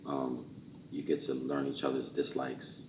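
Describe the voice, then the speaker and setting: A man talking in a calm, measured way as a guest on a talk show, with a deep baritone voice. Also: distant mic, noisy background. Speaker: guest actor. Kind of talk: casual interview chat. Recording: roomy and off-mic.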